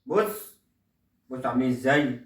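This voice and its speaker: A man's voice: medium pitch, expressive, normal speed, close to an everyday voice. A man playing a boastful Egyptian dad. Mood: coaxing. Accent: Egyptian Arabic. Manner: boastful, coaxing, keeps saying look. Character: middle-aged Egyptian dad, stingy, boastful salesman of cheap shirts. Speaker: father in a comedy sketch. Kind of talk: comedy sketch acting. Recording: roomy echo, voice far from the mic.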